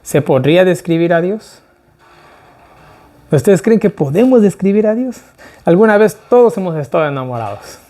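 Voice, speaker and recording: A middle-aged man teaching an informal Bible study, talking with his group, asking them questions and slowing down to stress key words. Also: high-pitched, lively intonation, dark tone. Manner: conversational, asks the group questions, tag "¿ya?".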